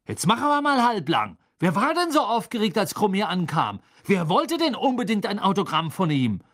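An audiobook reader voicing a clever, indignant teenage girl witch in a high, quick voice. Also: sing-song.

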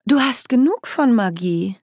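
A woman reading a storybook puts on a proud, scheming sorceress who talks down to everyone. Her falsely friendly tone lifts well above the reader's low voice and swings widely. The recording is dry. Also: animated, normal speed, no echo, close to an everyday voice. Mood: threatening. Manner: cool, superior, falsely friendly.

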